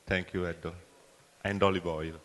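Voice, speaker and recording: A man's voice: low voice, level tone, normal speed, a bit bright. A man, a professor, pays an informal tribute at a conference. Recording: reverberant hall.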